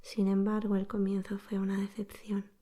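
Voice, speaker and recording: Soft whispering woman, breathy and mellow. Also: medium pitch, monotone. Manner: soothing, slow-paced, hushed narration. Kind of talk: whispered ASMR guided bedtime storytelling.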